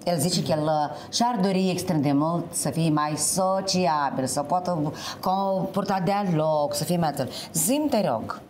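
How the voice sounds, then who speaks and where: A woman host on a TV matchmaking show, asking playful, teasing questions. Her voice sits low, and she keeps the chat casual and quick with jokes. A faint hiss runs under the studio sound. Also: a little mellow.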